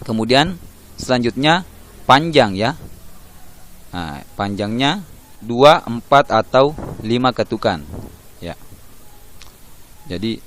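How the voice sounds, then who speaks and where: A man teaching young children a religion lesson, patiently explaining step by step and chanting verses in a drawn-out reciting tone. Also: medium pitch, expressive, a bit bright.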